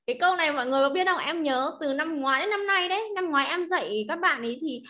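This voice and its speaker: High-voiced Vietnamese woman teaching pronunciation. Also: expressive, pushed and bright. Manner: chatty, drawn-out model sentences. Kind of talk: online class, mixing Vietnamese and slow English.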